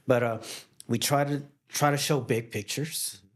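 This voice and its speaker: Relaxed, plainspoken male photographer. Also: medium pitch, unhurried. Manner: relaxed, repetitive restarts, plainspoken. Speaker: wedding photographer guest. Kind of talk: casual interview chat.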